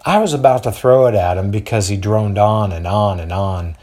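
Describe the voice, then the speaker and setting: A man's voice: on the low side, moderate pace, a little mellow, voice pushed down, natural voice. A man voicing a friendly male traveling companion who likes to tease. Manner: teasing.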